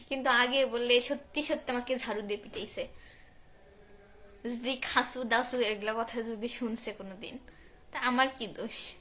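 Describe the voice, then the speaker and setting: A woman's voice: on the high side, sharp tone. A young woman on a casual live stream, chatting and reading viewers' comments aloud and answering them. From northern Bangladesh.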